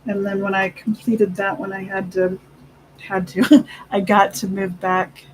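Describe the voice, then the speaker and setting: An unhurried speaker with a mid-pitched voice chats casually, switching between English and Spanish. The delivery is halting and often trails off mid-thought, with a little background noise. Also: level tone, rough recording. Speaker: livestream host of an inking session. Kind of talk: casual chat.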